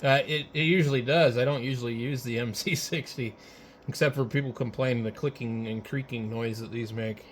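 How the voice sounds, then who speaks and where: Talking a little fast in a mid-range voice, this man sounds relaxed but somewhat hesitant as he operates his amateur radio station. Steady noise fills the recording, and he moves between different hand mics.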